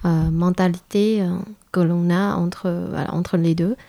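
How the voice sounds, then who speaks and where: Slow-spoken woman from Vietnam. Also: fairly low pitch, fairly even intonation, warm tone. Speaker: interview guest, café co-founder. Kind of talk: casual interview talk.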